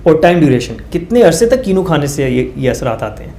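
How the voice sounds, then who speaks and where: A male doctor's voice is a little high and mellow, brisk, with big pitch swings, and a little hiss or hum. He's a guest explaining research methods, taking numbered points one by one with everyday examples, hesitant fillers and mixed-in English phrases.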